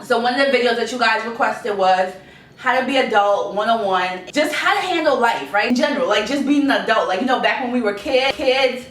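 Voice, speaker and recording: Young female advice vlogger, Guyanese accent, conversational, slightly high pitch, roomy distant-mic sound. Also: a little fast, a bit bright. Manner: conversational, repeats key words for emphasis. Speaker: vlogger giving life advice. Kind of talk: informal advice vlog. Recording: echoey room, distant mic, rumbling noise.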